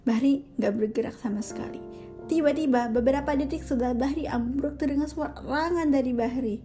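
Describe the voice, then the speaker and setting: A woman's voice: high voice, a little fast, over music. A woman casually retelling a story, chatty and often correcting herself mid-sentence. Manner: chatty, with frequent self-corrections and fillers.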